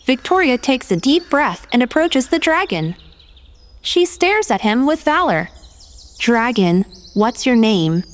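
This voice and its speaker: A woman's voice: on the high side, very animated, unhurried, long reverb tail. A woman reading scripted third-person narration and character dialogue as a player in a tabletop game replay.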